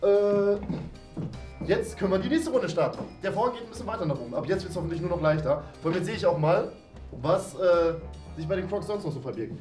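With a high, animated voice at a fairly quick pace, a man in his twenties plays and hosts a game video, casually thinking out loud. Recorded indoors in a small decorated room, the audio has a roomy echo and background music.

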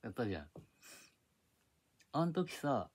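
Recorded at home on a tablet microphone, an older Japanese vlogger grumbles and chats casually, wandering between topics. His mid-range voice is husky and sing-song, and he talks a little slowly.

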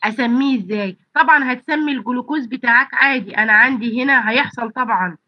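A woman's voice: on the high side, fast, no echo, muffled recording. A woman lecturer with an Egyptian accent and a blocked nose and throat, teaching an online class and asking and answering her own questions. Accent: Egyptian Arabic. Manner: asks students rhetorical questions and answers them. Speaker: pharmacy college lecturer. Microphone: computer mic on a video call.

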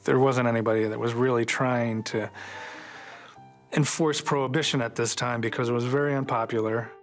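A man's voice: medium pitch, steady tone, normal speed, faint music behind. An American man in his thirties or forties giving informal, colloquial commentary in a documentary interview. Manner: plain-spoken, colloquial. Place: dim indoor interview set, music behind.

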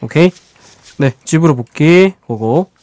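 A man with a fairly high voice gives chatty, live let's-play commentary on a survival game. He answers his viewers' questions and talks to the game's creatures as he plays. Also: animated, unhurried, darkish tone. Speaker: game streamer.

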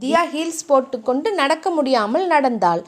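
A woman narrating a romance novel chapter in a steady storytelling manner. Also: sits high, moderate pace. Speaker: audiobook narrator.

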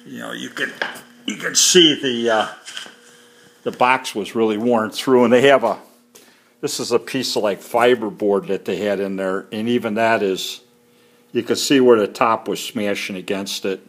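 Filmed on a handheld phone, a man strolls around his home garage giving an unscripted review of a tool. He speaks at a normal speed in a voice on the low side, matter-of-fact and off the cuff, with lots of fillers.

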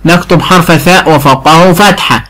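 A man with an Egyptian Arabic accent teaching a phonics lesson to a child, stretching out syllables slowly and clearly. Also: fairly high pitch, noisy background. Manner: drawn-out, exaggerated syllable sounding.

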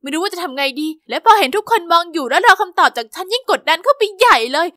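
Very high, bright female narrator. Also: quick pace, no echo, studio quality. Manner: lively, expressive storytelling. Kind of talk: scripted first-person narration.

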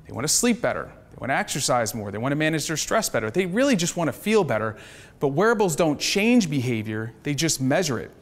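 A man who founded a startup gives an energetic, upbeat business pitch to a panel of investors. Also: fast, long reverb tail. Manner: energetic, upbeat salesman's delivery.

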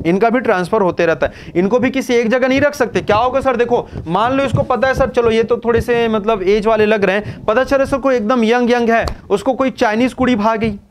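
A man's voice: very high voice, brisk, hardly any pauses, slight background noise. Chatty Hindi-speaking male exam tutor. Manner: chatty, asks and answers his own questions; mixes English terms into Hindi. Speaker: teacher. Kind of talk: exam-prep current affairs lecture.

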